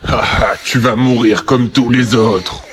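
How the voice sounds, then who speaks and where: A man playing a menacing, unhinged villain of a demon who threatens death in a drawn-out, gravelly voice. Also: mid-range voice, steady tone, crowd noise, lightly acted. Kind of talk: dramatized short story.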